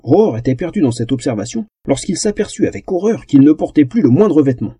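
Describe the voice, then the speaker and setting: Male audiobook narrator, comic fantasy, expressive, husky and very dark, dry close sound. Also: fairly high pitch, brisk, no room sound.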